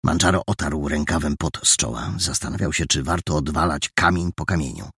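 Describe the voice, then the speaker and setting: A man narrating a storybook in a steady, measured reading style. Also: a bass voice, husky, no room sound, studio quality.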